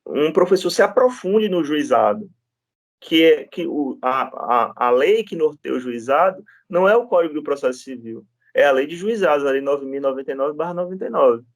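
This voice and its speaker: A man's voice: fairly high pitch, lively intonation, normal speed, no room sound. A man lecturing on law, telling stories from his practice with frequent tag questions and restarts. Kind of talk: classroom lecture with anecdotes.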